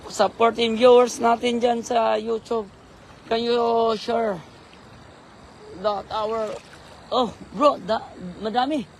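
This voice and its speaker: A hoarse man doing casual live-stream commentary on a night fishing trip, giving shout-outs and spelling names for viewers. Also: extremely high pitch, steady tone, slow, pauses often, a little hiss or hum. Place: outdoors at night by the water.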